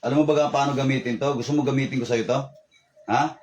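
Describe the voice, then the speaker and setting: A man's voice: medium pitch, steady tone, fast, darkish tone, slight background noise. A man working as a faith healer, giving a spirit short, firm orders and tagging each one with a pressing question. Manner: commanding, drives short orders with a repeated questioning tag. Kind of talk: healing ritual, addressing a spirit.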